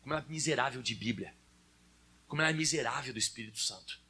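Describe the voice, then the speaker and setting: A man's voice: medium pitch, fast, bright, forceful tone, slightly rough. A Brazilian man preaching a sermon in a conversational way, speaking straight to his congregation. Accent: Brazilian Portuguese.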